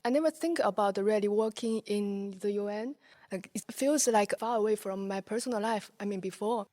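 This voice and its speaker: A woman from China, an intern and master's student, speaking in a halting, hesitant way. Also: medium pitch, a little mellow. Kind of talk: casual interview talk.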